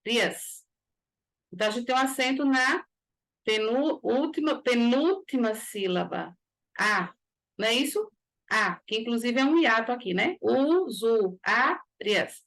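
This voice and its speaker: Higher-voiced Brazilian woman teaching grammar. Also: expressive, a little slow, fairly bright tone. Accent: Brazilian Portuguese. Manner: explains step by step with frequent tag questions. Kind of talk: exam-prep grammar lesson.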